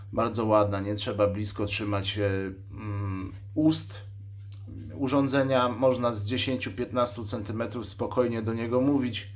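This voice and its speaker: Mid-pitched and plain, a male radio shop host demonstrates a walkie-talkie without a script, listing its specs in a matter-of-fact, technical manner. Small pauses break up his sentences while he handles the device.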